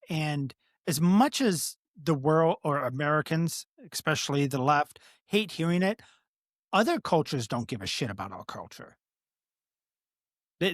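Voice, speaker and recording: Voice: mid-range voice, no echo, studio quality. A podcast host with a speech impediment that turns R sounds toward W, talking politics casually in a blunt, profane way. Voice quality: speech impediment, cannot pronounce R sounds, says W for R.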